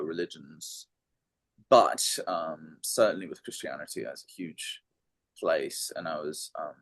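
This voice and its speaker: A man's voice: deep voice, no echo. A man talking through philosophy on a podcast in a casual, hesitant way, with many ums and restarted phrases. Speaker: podcast co-host.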